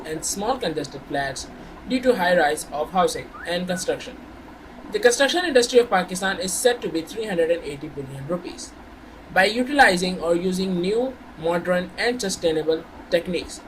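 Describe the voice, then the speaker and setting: Background noise sits under a young Saudi man's high voice as he pitches his startup and answers questions. He stays earnest and formal throughout, addressing people politely as "sir."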